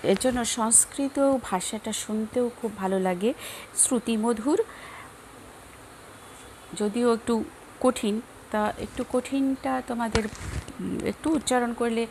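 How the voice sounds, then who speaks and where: A young Bangladeshi woman teaching a lesson, speaking slowly and carefully and repeating each word for her students. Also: on the high side, a little hiss or hum. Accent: Bangladeshi Bengali. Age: young adult. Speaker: Sanskrit teacher. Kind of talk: classroom lesson, slow repetition drills.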